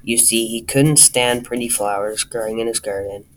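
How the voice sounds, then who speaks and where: A man's voice: mid-range voice, moderate pace, poor audio. Man reading a children's storybook aloud. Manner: lively, addresses the listener directly.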